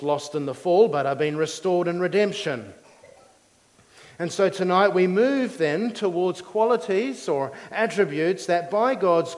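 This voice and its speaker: Higher-voiced male preacher in an echoing hall. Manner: measured, didactic, explaining simply in short phrases. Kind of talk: teaching sermon. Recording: long hall reverb.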